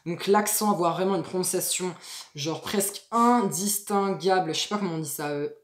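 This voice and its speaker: A woman co-hosting a language-learning video, talking in slangy casual chat that trails off softly at the ends of phrases. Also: on the low side, moderate pace. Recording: echoey room.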